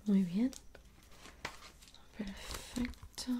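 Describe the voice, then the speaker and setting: A young Mexican woman performs an ASMR role-play as an attentive dressmaker. She speaks softly and slowly, right to the listener, in a bright hushed voice. There is clear hiss behind her. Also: medium pitch. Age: young adult. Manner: soft, unhurried, attentive, speaking directly to the listener. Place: small indoor room at home.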